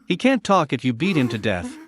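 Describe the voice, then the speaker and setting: A man's voice: mid-range voice, huge pitch swings, a little fast. Sergeant Bengini, a man playing a firm police sergeant. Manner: firm, commanding.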